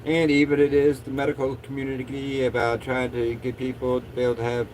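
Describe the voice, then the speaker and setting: A man's voice: mid-range voice, a little mellow. Laid-back stoner guy, noisy background. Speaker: livestream host. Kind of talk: casual livestream chat.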